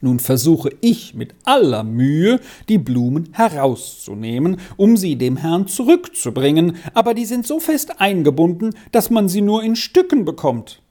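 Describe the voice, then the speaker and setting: A reader voicing an excitable, flustered young governess pouring out an explanation. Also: medium pitch, measured pace, few pauses. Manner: breathless, agitated.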